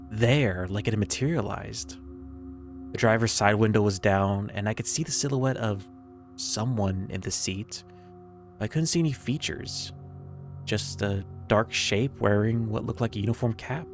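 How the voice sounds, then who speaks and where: Low-voiced man narrating creeping horror over music. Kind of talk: scripted first-person horror narration. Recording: background music under the voice.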